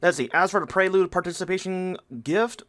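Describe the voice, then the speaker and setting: A man's voice: high-pitched, fairly quick, fairly bright tone. A man who is sick with a stuffy nose and a nasal voice, talking through a game event in a casual, rambling walkthrough and correcting himself as he goes. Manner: rambling, self-correcting, thinking aloud. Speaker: game guide creator.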